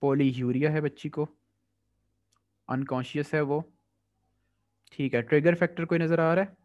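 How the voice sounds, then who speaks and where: A man's voice: on the high side, steady tone, a little mellow. Pakistani man tutoring through exam questions. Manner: reads English questions slowly, explains quickly in Hindi-Urdu. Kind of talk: past-paper review lecture. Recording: dull lo-fi audio.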